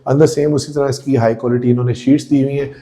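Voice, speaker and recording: A man's voice: mid-range voice, fairly even intonation, fast talker, mellow. A man walking viewers through an empty house, describing each room with enthusiasm and speaking straight to the audience. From Pakistan. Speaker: real estate tour host. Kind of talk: walkthrough house tour narration. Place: indoors, empty house rooms.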